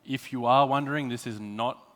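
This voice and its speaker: Speaking at a conference, this Australian man gives a rehearsed technical talk and stresses his explanations emphatically. His voice is mid-range and a little bright, with fairly even intonation and a moderate pace. The hall is echoey, with a long reverb tail.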